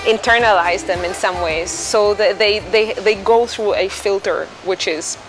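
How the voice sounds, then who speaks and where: Over soft background music in a dim restaurant or bar, a musician in her thirties with a Greek accent gives thoughtful interview answers, full of fillers and restarts. Her voice is mid-range and her pace measured, and the recording quality is low.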